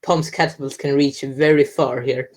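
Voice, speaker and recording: A woman with a low voice commentates live on a strategy game. She walks through each move calmly and readily agrees with the others. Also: moderate pace. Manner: agreeable, explains the play step by step. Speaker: esports commentator.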